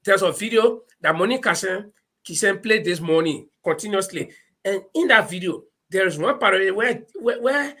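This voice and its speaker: A man with a Liberian accent hosting an animated live political discussion, speaking emphatically and repeating his phrases. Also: sits high, moderate pace. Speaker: panel host.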